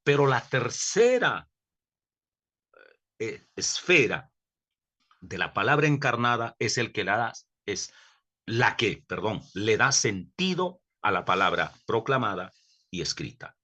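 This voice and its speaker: Bright-voiced man giving an earnest theology lecture. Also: lowish voice, big pitch swings. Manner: earnest, emphatic, slows down to stress key words, with self-corrections. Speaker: theology professor. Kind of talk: recorded online lecture.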